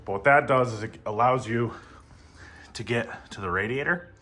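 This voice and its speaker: A man casually talking through motorcycle work in his garage, relaxed and rambling with many ums. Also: lowish voice, slight background noise. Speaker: motorcycle vlogger. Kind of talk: casual how-to narration.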